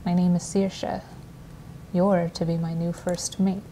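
A mischievous young woman coaxes and teases through a window, as a woman reads her part. The voice stays low and mellow with little rise and fall. A faint rumble hums behind it. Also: flat delivery, a little slow, close to an everyday voice. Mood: inviting.

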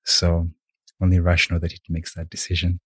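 A young man from Rwanda, a yoga teacher and podcast guest, telling his life story in a thoughtful, soft-spoken way over a video call. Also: deep voice, monotone, brisk, breathy edge, dry recording, clean studio sound. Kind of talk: reflective storytelling in an interview.

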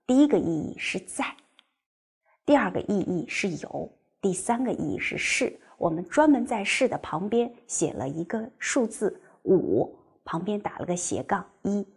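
Lively, husky woman teaching a class. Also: medium pitch. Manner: explains step by step, reads Russian examples slowly and clearly. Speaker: Russian language teacher. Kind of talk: recorded classroom lecture.

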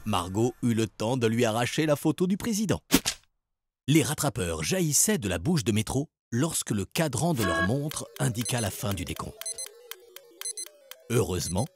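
A man narrating a children's story in an expressive, animated storytelling voice. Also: medium pitch, moderate pace. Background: music.

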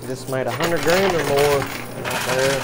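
A man's voice: medium pitch, slow, over loud music. A man giving upbeat running commentary while playing an arcade coin pusher machine as a channel host. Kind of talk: casual play-by-play commentary.

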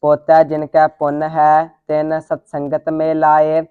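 A student recites scripture one line at a time in an unchanging monotone, very slow and even. The voice is smooth and clear, though the recording is dry and tinny, like a phone line. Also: medium pitch, no room sound. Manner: steady monotone reading, line by line.

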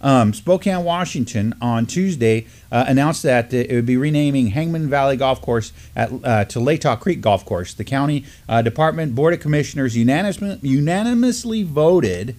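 A middle-aged American man co-hosts a Native news live stream from a desk in a small studio, keeping the discussion informal and partly reading articles aloud. His mid-range, darkish voice is animated, at normal speed with hardly any pauses.

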